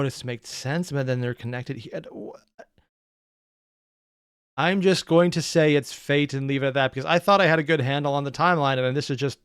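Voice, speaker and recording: Smooth-voiced man reacting casually, dry close sound. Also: fairly high pitch, no echo. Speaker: reaction video host. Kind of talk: casual off-the-cuff reaction commentary.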